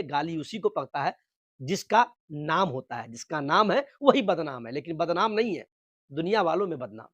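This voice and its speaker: A man's voice: sits high, no room sound. A man talking to teaching exam candidates, mixing news with earnest, repetitive motivational advice. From Bihar. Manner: earnest, exhorting, repeats phrases for emphasis.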